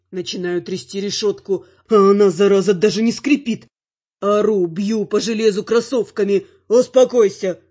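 A man reading a first-person audiobook with lively, emotional storytelling. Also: sits high, dull audio. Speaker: audiobook narrator.

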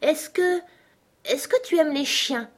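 A woman's voice: high-pitched, slow pace, pitched above the performer's own voice. A woman voicing a curious, polite little girl who talks eagerly to please.

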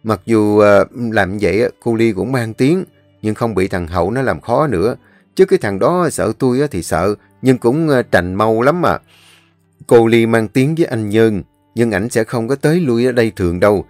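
A man's voice: lowish voice, lively intonation, moderate pace, darkish tone, dry recording, soft background music, lightly acted. A man voicing a stern, protective elderly village landlord with a firm, commanding manner. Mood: explaining.

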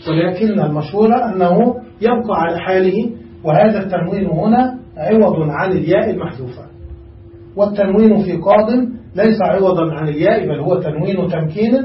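Heard from a distance in a reverberant room, this classical grammar lesson sounds dull and carries slight hiss or hum. The man teaching pitches his voice high, talks a bit fast, and keeps testing his students with check questions.

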